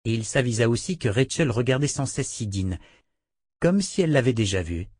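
A man narrating an audiobook in an even, measured reading. His voice is mid-pitched and recorded close and dry. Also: no echo. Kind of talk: scripted narration.

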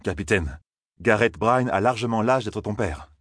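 A man's voice: on the low side, lively intonation, moderate pace, a bit bright, slightly rough, no room sound, clean studio sound. A man playing a wary young lord.

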